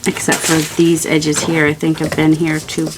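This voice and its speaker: A woman hosts a craft video, rambling casually to herself and playfully scolding herself as she works. Her low voice is completely flat and moderately paced. Clicks and crinkling paper make up the background noise.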